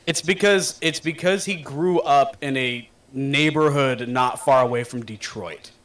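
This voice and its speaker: A man's voice: mid-range voice, a little slow, fairly bright tone. A man around thirty chatting casually, grumbling in a self-mocking way and swearing. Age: 30s. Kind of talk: casual chat.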